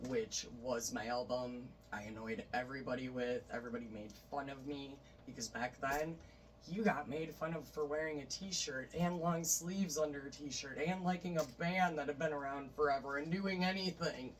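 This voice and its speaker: A man's voice: mid-range voice, normal speed. A man chatting casually and enthusiastically as he shows off his record collection, rambling with many fillers. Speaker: vlogger showing a vinyl record collection. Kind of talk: casual chat. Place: bedroom. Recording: voice a bit distant from the mic, faint noise.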